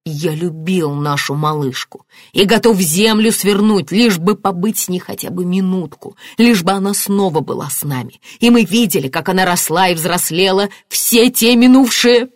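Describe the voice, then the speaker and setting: Woman voicing grieving father, middle-aged, shouting, furious, audiobook, dry close sound. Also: medium pitch, big pitch swings, normal speed, few pauses, no room sound, voice pushed up. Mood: raging. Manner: shouting, raging.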